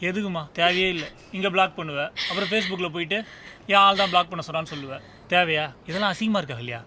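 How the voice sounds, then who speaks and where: A man's voice: high-pitched, fast, a little hiss or hum. An actor playing a possessive, jealous young college man in a short film drama, pleading and calling after his girlfriend. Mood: sulky. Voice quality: pleading, then shouting after her. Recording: film soundtrack with loud music.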